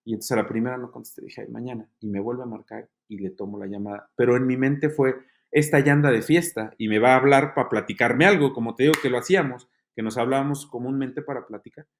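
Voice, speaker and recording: A man, a guest giving an earnest, halting testimony in an interview, with many fillers. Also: mid-range voice, fairly even intonation.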